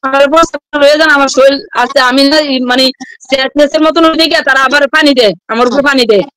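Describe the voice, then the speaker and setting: Woman teacher, high voice, dry close sound, talks in urgent loops. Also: fast, fairly bright tone, dry recording, low-quality recording. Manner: rambling, urgent, repeats herself. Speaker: schoolteacher, interview guest. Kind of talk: emotional first-person testimony.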